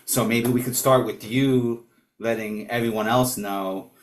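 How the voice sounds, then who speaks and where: A man's voice: medium pitch, fairly even intonation, measured pace, a little hiss or hum. A man hosting a live video call, rambling a little with fillers. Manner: loose, rambling, many fillers. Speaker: host. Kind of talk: casual video call chat.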